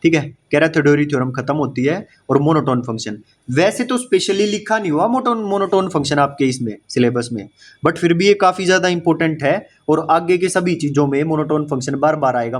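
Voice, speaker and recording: A man with a slightly high voice speaks a little fast while teaching an online exam-prep maths lecture. He mixes English terms into his Hindi in an Indian accent, works through problems step by step, and keeps checking that students are following.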